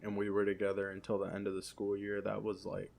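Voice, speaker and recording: A young man chatting casually on a podcast, relaxed and hesitant, with many fillers. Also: on the low side, quick pace, gravelly. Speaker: podcast co-host. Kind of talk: casual chat.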